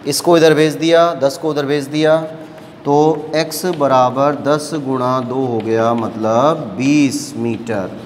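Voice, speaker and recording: A man teaching maths at a board, explaining slowly and patiently step by step and checking often that the students follow. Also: mid-range voice, fairly even intonation, big-room sound, a little hiss or hum. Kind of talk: classroom lecture at a board. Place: classroom with a board.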